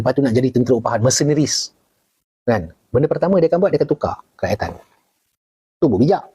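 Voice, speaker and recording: A middle-aged man with a Malaysian Malay accent takes viewer questions in a loose live chat. His voice is husky and mellow. He talks animatedly, jumping up high to hammer a point home and tossing in quick "okay?"s. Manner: animated, leaps high for emphasis, keeps checking in with "okay?" and "right?". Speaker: retired army officer answering viewer questions. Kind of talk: casual live Q&A.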